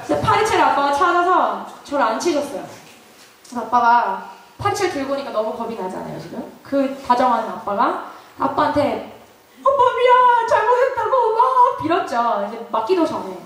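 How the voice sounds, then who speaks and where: A woman giving a testimony sermon at a church retreat, telling an animated story and putting questions to the audience. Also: on the high side, brisk. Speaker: retreat speaker. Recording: echoey hall, distant mic.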